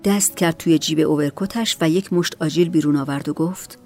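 A woman narrating a novel in a calm, measured voice. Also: low-pitched, faint music behind. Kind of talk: storybook narration.

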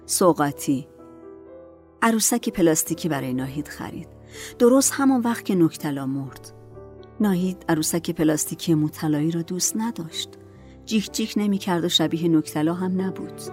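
Low-voiced woman narrating a story. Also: dark tone, soft background music.

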